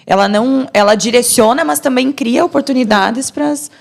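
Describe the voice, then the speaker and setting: A woman's voice: high voice, normal speed, creaky. A woman, a guest entrepreneur speaking thoughtfully in a casual podcast chat.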